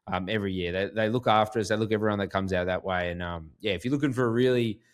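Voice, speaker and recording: An Australian man in casual podcast chat, rambling through his stories with plenty of ums and false starts. His voice sits fairly low, and his manner is relaxed. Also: fast. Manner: rambling, with many "um"s and restarts. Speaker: podcast co-host.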